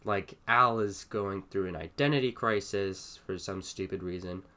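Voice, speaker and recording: A man's voice: low voice, moderate pace, bright, forceful tone. A young man reading fan fiction aloud and commenting on it in a rambling, exasperated way. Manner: rambling, exasperated, filler-heavy. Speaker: video host reading fanfiction.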